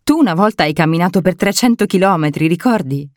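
A tender, devoted young aunt who speaks softly to a child and earnestly to her mother, voiced by a woman reading aloud. Her pitch rises a little above the narration. The recording is dry and close-miked. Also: animated, quick pace, dry recording, close to an everyday voice.

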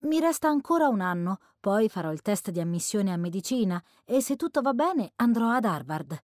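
A woman's voice: medium pitch, sing-song, moderate pace, a little mellow, no room sound, studio quality, natural voice. A woman voicing a self-assured, friendly young male college student in an audiobook reading, talking chattily. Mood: friendly confident.

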